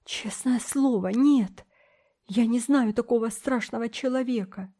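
A woman's voice: measured pace, mellow. A woman voicing a frightened teenage boy who pleads and protests in a raised, breathless voice. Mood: pleading. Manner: breathless, high pleading cries.

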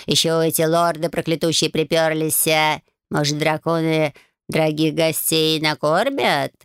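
A woman's voice: low voice, steady tone, a little slow, clean tone, no room sound, studio quality. A woman voicing a grumpy, cheeky male talking cat who grumbles and bosses people around in a storybook reading. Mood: grumbling.

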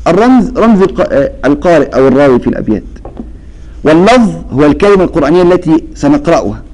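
A man's voice: on the high side, very animated, very fast, darkish tone, low-quality recording. A man teaching a Quran recitation lesson. He asks questions and then answers them himself, and he addresses his students by name. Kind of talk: explaining lesson with recited verses.

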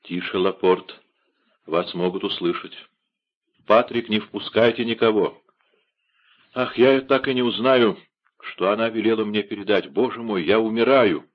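A man's voice: on the low side, unhurried, pauses often, dull audio. A man voicing a haughty proud duke. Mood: faint, dying. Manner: haughty, exclaiming. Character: proud haughty male duke, imperious and alarmed.

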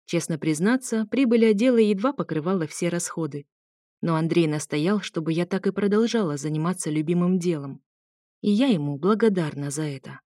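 Female audiobook narrator, intimate romance read, dark-toned, dry booth. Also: on the low side, a little fast, no echo. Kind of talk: first-person romance narration.

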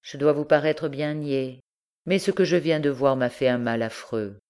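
A woman's voice: a bass voice, normal speed, darkish tone. A woman reading an earnest young lover. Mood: pleading. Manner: earnest, emotional. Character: earnest, moved young man in love. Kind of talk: audiobook reading.

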